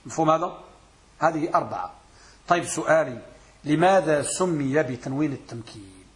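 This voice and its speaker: Man, sheikh, grammar lesson, high voice, animated pitch, quizzing students, repeats answers. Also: fairly quick. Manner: quizzes students, repeats questions and answers, chants verse lines. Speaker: sheikh teaching Arabic grammar.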